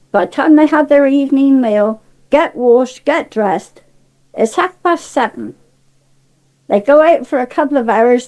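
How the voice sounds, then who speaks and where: Speaking at a fairly high pitch with a mellow tone, an older woman with a Cornish accent offers her opinions in an interview. She comes from Cornwall, England, and sounds emphatic, forthright and indignant, though the audio is poor.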